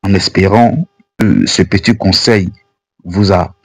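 Slow, creaky, and slightly rough, this low, steady voice belongs to an African man narrating for an Islamic channel, French not being his first language. He reads an earnest, admonishing voice-over with no room sound.

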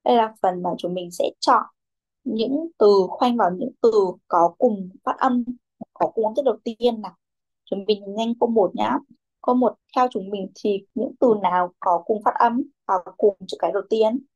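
A woman's voice: mid-range voice, moderate pace, dull audio. A young woman teaching a children's English class, who calls on pupils by name, repeats their answers and mixes English words into her instructions.

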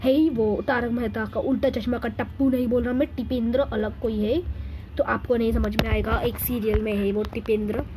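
Brief: a man voicing a squeaky, boastful cartoon cat gamer, rattling off commentary over loud game noise. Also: steady tone, brisk. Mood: excited chatter. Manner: chattery, calls everyone brother, boastful. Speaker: gaming video host. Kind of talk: in-character gameplay commentary.

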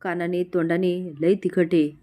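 A woman's voice: fairly low pitch, flat delivery, normal speed, warm tone, close to an everyday voice. A woman voicing an anxious village man. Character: nervous village man hiding a body.

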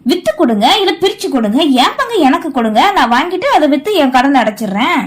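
A woman's voice: sits high, very animated, fast, a little hiss or hum. A woman voicing a pushy middle-aged son who insistently demands money from his father in a storybook reading. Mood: demanding.

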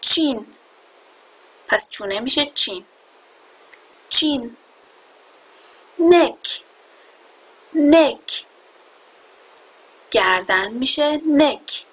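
A woman teaching English vocabulary. She says each word slowly and clearly for learners to repeat, then explains it. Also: high voice, animated, a bit bright, low-quality recording. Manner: stretches out key English words for learners to repeat. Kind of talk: vocabulary lesson with repeat-after-me drills.

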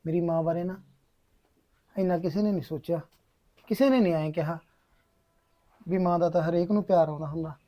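A bitter, remorseful young kidnapper , played by a man speaks, halting and repeating himself as he confesses. His voice sits a little high and sounds dark. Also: fairly even intonation, natural voice. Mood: sorrowful. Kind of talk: short film drama acting.

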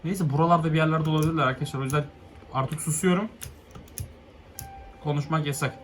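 A young man commenting on his own Minecraft game, swinging between hushed muttering and frustrated yelps. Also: a little high, steady tone, fast talker, slight background noise. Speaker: gaming YouTuber. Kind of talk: Minecraft let's play commentary.

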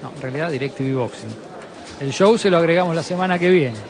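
A man's voice: fairly high pitch, brisk. A man giving conversational live analysis as a boxing commentator. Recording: clear ringside venue noise behind.

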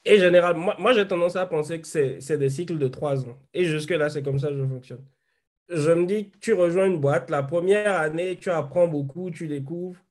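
A man's voice: on the high side, brisk, darkish tone. A young man on a video call, reflectively explaining his view step by step as a panelist. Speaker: panelist, software engineer. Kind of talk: online panel discussion.

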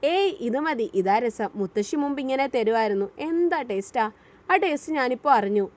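A woman's voice: fairly high pitch, animated, normal speed, darkish tone, close to an everyday voice. A woman voicing a brusque, teasing young husband in an audio story, speaking in short commands. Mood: commanding.

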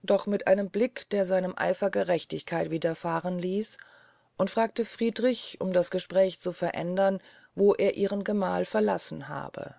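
A woman reads a classic novel aloud in a measured, even style. Her voice is warm and dark, with a gravelly, creaky texture. The recording is dry and close. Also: on the low side, no echo. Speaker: audiobook narrator. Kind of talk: scripted narration.

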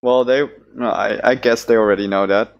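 A man's voice: lowish voice, steady tone, a little fast, vocal fry, muffled recording. A man playing a tabletop game over voice chat, thinking aloud in a tentative, casual way. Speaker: player.

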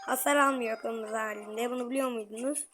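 A woman giving excitable let's-play commentary, talking straight to her viewers and grumbling at the game. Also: a little high, fairly quick, faint music behind. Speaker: gameplay commentator.

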